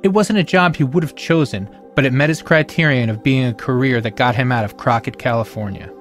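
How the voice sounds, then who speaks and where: A man hosting a podcast, reading scripted documentary narration in a measured, solemn way with emphatic rises. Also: mid-range voice, soft background music.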